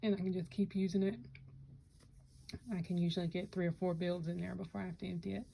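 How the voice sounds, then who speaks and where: A woman's voice: lowish voice, flat delivery, quick pace, gravelly, mellow, a little hiss or hum, low-quality recording. A woman chatting casually to camera about her Lego builds, rambling and correcting herself, with hiccups. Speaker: Lego vlogger. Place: home Lego room.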